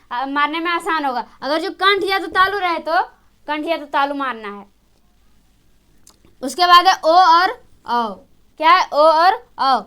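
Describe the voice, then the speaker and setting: A woman's voice: very high-pitched, a bit bright. A woman teaching an exam-prep grammar lesson, who keeps asking a question and answering it herself. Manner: repetitive, asks and answers her own questions.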